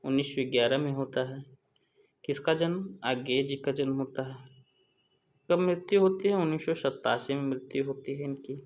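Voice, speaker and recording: A man's voice: medium pitch, normal speed, darkish tone. A man teaching an exam-prep lesson, quizzing himself aloud and repeating each answer twice. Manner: repeats each answer, asks and answers his own questions. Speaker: Hindi exam tutor.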